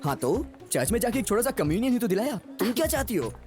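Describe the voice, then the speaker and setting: Pleading young hero in a movie dub, slightly high voice, all over the place. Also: male voice, fast talker, faint music behind. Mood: excitable. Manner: excitable, pleading. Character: lovestruck young man Kabir, excitable. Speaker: film hero. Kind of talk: Hindi film dub.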